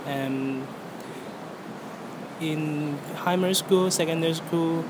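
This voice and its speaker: A young adult with a Hong Kong accent answering interview questions in halting English, searching for words. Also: medium pitch. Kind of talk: interview answers about personal experience. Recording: loud air-conditioning or traffic-like background noise.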